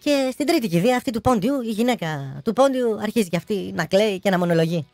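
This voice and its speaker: A man telling a joke in an animated, expressive storytelling manner. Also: high-pitched, no room sound. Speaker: joke teller. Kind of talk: comic storytelling.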